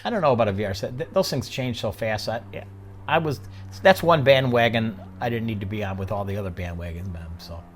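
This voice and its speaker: Middle-aged male podcast host; animated, rambling, laughs a lot. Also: fairly low pitch, fast, slight background noise. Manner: chatty, rambling, laughs often. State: out of breath. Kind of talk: casual chat.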